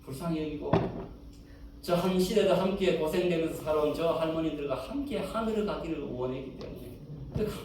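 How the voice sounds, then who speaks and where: A man's voice: a little high, brisk, a little mellow, a little hiss or hum. A man with a Gyeongsang Korean accent preaching a sermon, telling an anecdote and mimicking grandmothers' dialect voices. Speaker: pastor. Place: church sanctuary. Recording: roomy church hall from far off.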